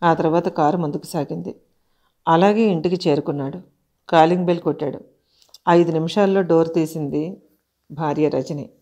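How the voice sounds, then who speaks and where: A woman narrating a horror audio story, in a calm, measured reading voice with short pauses. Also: deep voice.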